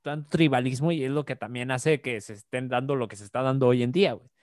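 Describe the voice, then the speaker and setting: A man's voice: mid-range voice, fairly even intonation, quick pace, a little mellow, dry recording, studio quality. A man with a Mexican Spanish accent, co-hosting a casual political podcast, joking around and using a lot of slang. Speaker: podcast co-host.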